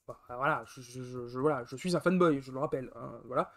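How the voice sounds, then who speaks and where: A man's voice: medium pitch, a little fast, a bit bright. A man hosting a casual live-stream podcast, rambling enthusiastically with frequent fillers and self-corrections, grumbling now and then. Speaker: podcast host.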